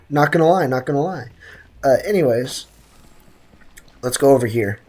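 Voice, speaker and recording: This excitable game streamer, a young man, jokes and trash-talks while commentating on a live game and talking with viewers. He has a mid-range voice and speaks a little slowly.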